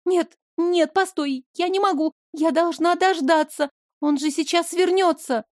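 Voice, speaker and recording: A woman's voice: very high-pitched, unhurried, no echo, studio quality, pitched above the performer's own voice. A woman voicing a timid, tearful young woman who pleads in a flustered way. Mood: pleading. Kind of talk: audiobook dialogue.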